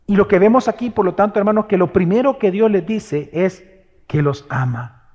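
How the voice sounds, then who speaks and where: A man preaching a sermon, firing off rhetorical questions and swinging between loud exhortation and hushed, tender passages. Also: high voice, lively intonation, moderate pace, highs cut off. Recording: long hall reverb.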